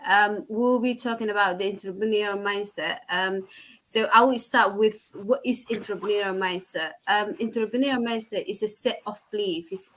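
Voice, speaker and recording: A woman from Somalia hosting a live online talk, pausing often with many ums. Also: medium pitch, rough recording. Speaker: host. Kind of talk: live video chat hosting.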